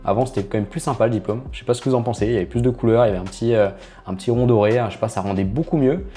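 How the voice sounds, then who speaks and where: Soft music hums faintly as a chatty trading channel host guides viewers through his screen. His mid-range voice is relaxed, mellow, and darker, and his speech is hesitant, packed with "euh" fillers and direct asides to the audience.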